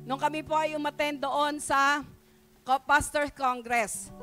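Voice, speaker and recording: High-voiced Filipina woman pastor preaching. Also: fairly bright tone. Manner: Tagalog-English code-switching, frequent tag "no?". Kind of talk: sermon.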